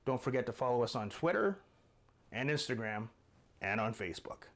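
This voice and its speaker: A man's voice: medium pitch, expressive, normal speed, fairly bright tone. A man hosting his own channel, arguing his opinion to camera with emphatic rhetorical questions. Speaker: channel host.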